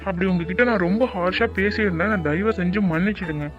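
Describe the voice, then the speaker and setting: A polite young cartoon man with a fairly high voice, pleading gently to patch things up, as a man acts him out. The recording is dull and lo-fi, with faint music underneath. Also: fast talker, natural voice. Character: young man Karthik, polite, remorseful co-worker. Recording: dull lo-fi audio with music bed.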